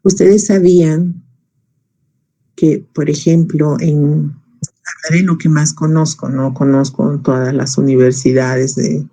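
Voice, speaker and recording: A man's voice: fairly high pitch, little pitch movement, unhurried, creaky, warm tone. A man teaching an English grammar class in Spanish, explaining patiently step by step and quizzing his students.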